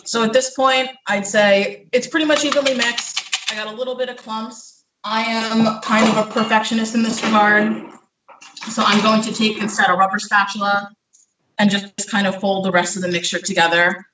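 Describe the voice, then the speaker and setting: In an echoey home kitchen, a baker far from the mic demonstrates a recipe live, chatting through each step with fillers and sounding slightly out of breath. The voice is mid-range with little pitch movement at a moderate pace, amid background noise.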